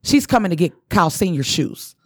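A woman co-hosting a casual podcast, telling a personal story in a lively way and acting out what people said. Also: on the low side, a little fast, slightly rough, dry recording, clean studio sound. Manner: animated storyteller who acts out what people said. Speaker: podcast co-host.

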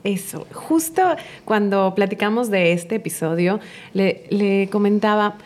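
A woman's voice: mid-range voice, a little slow, darkish tone. Host: Mexican woman, eager and welcoming, interview podcast. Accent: Mexican Spanish.

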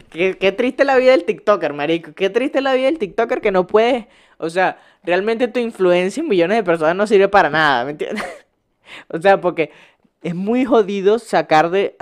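Rambling, profane Venezuelan guy. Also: a little high. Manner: profane, rambling, laughs often, restarts words. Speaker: vlogger. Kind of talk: casual rant.

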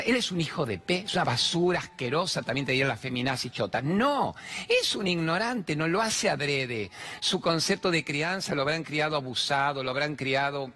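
A man's voice: medium pitch, sharp tone. A man in his fifties with a Rioplatense accent, hosting a talk show and giving blunt, crude, provocative advice, acting out other people's words. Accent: Rioplatense Spanish. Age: 50s. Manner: acts out quoted voices. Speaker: host answering audience questions.

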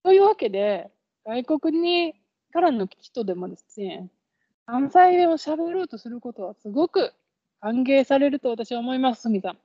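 A woman's voice: high voice, expressive, moderate pace, dry recording. Chatty Kansai woman, dull audio. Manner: chatty, laughs often, explains with examples. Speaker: podcast co-host. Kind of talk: casual chat.

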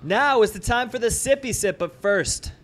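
Giggly, bright-voiced podcast co-host man. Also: high-pitched, normal speed. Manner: giggly, rambling, laughs a lot. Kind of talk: casual podcast banter.

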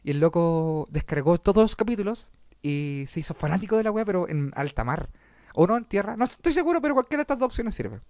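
A Chilean comedian and podcast host telling stories in a casual, swearing, laugh-filled chat. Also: male voice, high voice, quick pace, no echo, clean studio sound. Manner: swearing, animated, laughs often.

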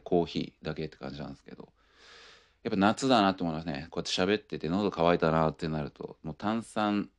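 Low-voiced man rambling casually. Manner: rambling, laid-back storytelling with frequent fillers. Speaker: podcast host. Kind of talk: casual solo chat.

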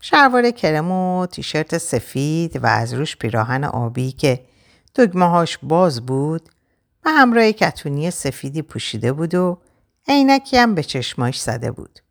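A woman reads a story aloud in the first person, measured and expressive. Her voice sits low for a woman, and her pitch rises and falls widely as she tells it.

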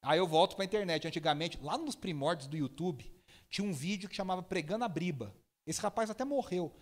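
A man preaching a sermon, telling stories lively and imitating people with sudden high shouts. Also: a little fast.

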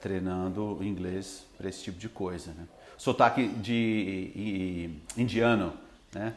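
A Brazilian man who teaches English, talking in a relaxed, rambling way with lots of fillers. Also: deep voice, a little slow, reverberant. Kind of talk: casual podcast chat.

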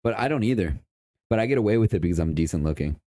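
Low-voiced, crude young podcast host. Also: male voice, lively intonation, rapid-fire, mellow, no room sound. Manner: crude, boastful, swears a lot. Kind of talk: casual chat.

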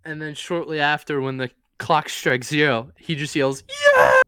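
Man, podcast co-host, casual movie chat, rambling, smooth clear voice. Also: a little high, moderate pace, no room sound, studio quality. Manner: relaxed, rambling, with fillers and swearing.

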